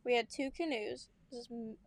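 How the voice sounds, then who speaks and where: Young woman, high voice, chatty storyteller, dry recording. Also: fairly even intonation, moderate pace, no echo. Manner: chatty storyteller, laughs often, acts out quotes. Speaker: podcast co-host. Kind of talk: casual sibling chat.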